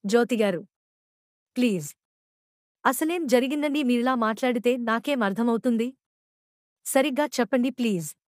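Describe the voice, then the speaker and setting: A woman's voice: on the high side, moderate pace, long pauses, no room sound, clean studio sound, natural voice. A woman voicing a flustered young man. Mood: pleading. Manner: anxious, pleading. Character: flustered young man, worried family friend.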